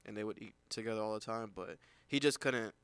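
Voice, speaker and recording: A man's voice: on the low side, brisk, a bit bright, smooth, dry recording. A young man co-hosting a casual podcast chat, rambling with lots of "like" fillers and frequent laughs. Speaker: podcast co-host.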